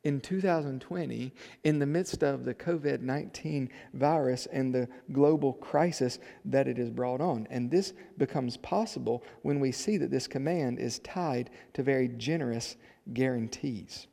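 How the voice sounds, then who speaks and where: A man preaching a sermon as pastor, swinging from loud emphatic declarations to quiet low asides. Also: normal speed, creaky. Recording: echoey hall with long reverb.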